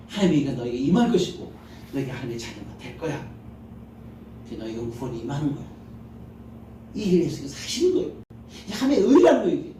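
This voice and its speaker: Slight background noise accompanies a male pastor's Sunday sermon in a large church sanctuary, where he acts out little scenes and asks the congregation questions in a slightly high, mellow voice. His handheld mic is heard from a distance in the very echoey hall.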